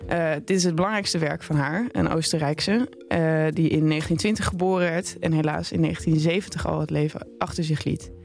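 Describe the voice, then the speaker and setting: A woman hosting a literary podcast in a studio, brisk and teasing as she leads the talk. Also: deep voice, steady tone, creaky, darkish tone, faint music behind. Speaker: podcast host. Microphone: studio microphone.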